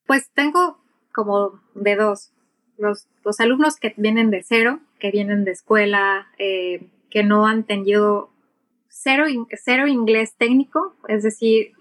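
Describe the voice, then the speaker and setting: In a low-quality recording, a middle-aged woman with a medium-pitched voice and a Mexican Spanish accent answers as an interview guest. She's a pilot and aviation English instructor who explains things conversationally through acted-out examples.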